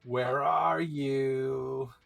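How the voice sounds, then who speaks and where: Tabletop game villain, played by a man: menacing blacksmith, booming and slow, drawn-out calls, faint music underneath. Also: fairly even intonation, creaky, fairly bright tone, full character voice.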